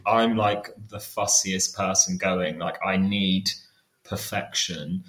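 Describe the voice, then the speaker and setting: A man in his late twenties talks casually as a guest on a podcast. His voice is fairly low, and the recording is clearly roomy and echoey. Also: steady tone, slow pace, fairly bright tone. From Cornwall, England. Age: late 20s. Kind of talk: casual conversation.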